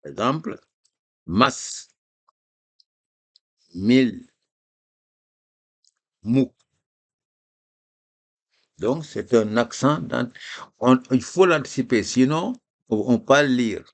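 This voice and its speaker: Slow, gravelly man teaching. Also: medium pitch, expressive. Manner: slow, patient explaining with repeated examples. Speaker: Arabic reading teacher. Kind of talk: live online lesson.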